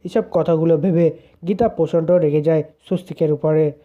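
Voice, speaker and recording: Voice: mid-range voice, fairly even intonation, normal speed, mellow. A narrator plainly retelling a serial's episode as a story. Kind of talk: storytelling recap. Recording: dull lo-fi sound.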